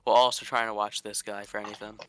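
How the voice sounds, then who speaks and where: A man's voice: fairly low pitch, little pitch movement, fast talker, fairly bright tone, soft background music. A man chatting casually as a player in a tabletop game.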